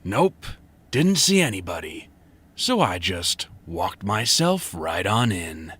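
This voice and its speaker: Creepy game delivery guy: very low, husky, slow, insinuating and falsely friendly. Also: big pitch swings, a bit bright, full character voice. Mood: creepy, probing. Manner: insinuating, mock-friendly, breaks into whispers. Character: creepy, leering delivery man with menacing flirtation. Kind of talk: video game voice acting.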